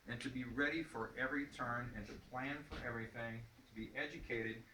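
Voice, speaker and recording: A man's voice: mid-range voice, steady tone, a little fast, pushed and bright. A man giving a personal testimonial speech at a ceremony, addressing an assembly. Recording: echoey, distant mic, noisy, clicks.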